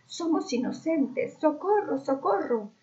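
A woman's voice: high voice, expressive, slow pace, darkish tone, lo-fi sound, pitched above the performer's own voice. A woman reading aloud voices a dramatic young girl who fakes terror with shrieking, theatrical pleading. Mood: fake panic.

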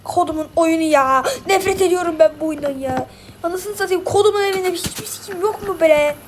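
Very high-pitched woman swearing through gameplay. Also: brisk, background noise. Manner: frustrated, swearing, exasperated muttering to herself. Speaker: gamer. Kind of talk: let's play gameplay commentary.

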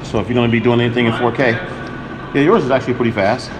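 Medium in pitch and steady in tone, this fast-talking man is in his forties and vlogs a casual tour of his streaming setup, often saying things twice. The sound comes from a camera mic, handheld before going on a tripod, in a bustling coffee shop at night.

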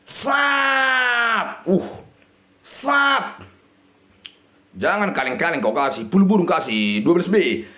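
A man, shouting and muttering over a slot game as he streams it. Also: sits high, lively intonation, slow pace, pauses often. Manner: shouting and chanting at the reels, swinging between yelling and mutters. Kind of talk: excited live slot-game commentary.

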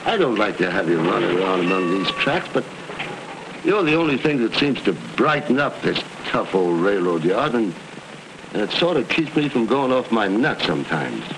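A tender railroad boss in an early talkie film. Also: male voice, lowish voice, very animated, moderate pace. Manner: earnest, gentle and affectionate. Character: earnest, tender-hearted railroad boss man. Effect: early 1930s talkie film soundtrack. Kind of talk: 1930s film acting. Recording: hissy old film soundtrack.

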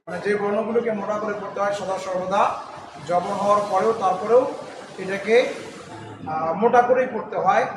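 A fairly high-voiced man gives a recitation lesson, slowly repeating each word and chanting the examples long and drawn out. He sounds far from the mic in a very echoey room. Steady noise hums underneath. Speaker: Quran recitation teacher. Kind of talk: tajweed pronunciation lesson.

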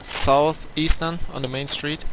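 A man leading his team in casual gaming voice chat, calling out directions with halting restarts. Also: fairly high pitch, level tone, a loud crowd, low-quality recording. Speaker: gamer leading team as boss.

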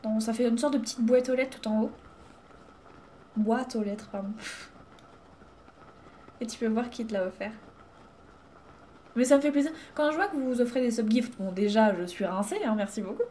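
A woman's voice: a little high, normal speed, pauses often, dark tone, slight background noise. A young woman streaming a game live, chatting casually, laughing and thanking her viewers. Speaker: Twitch streamer. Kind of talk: casual live gameplay chat.

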